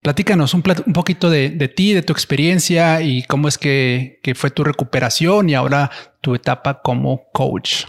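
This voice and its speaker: Male podcast host, a touch higher-pitched than most men, friendly and chatty, stumbles and restarts often. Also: steady tone, normal speed. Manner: friendly, many restarts and repeated words. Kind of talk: casual podcast interview.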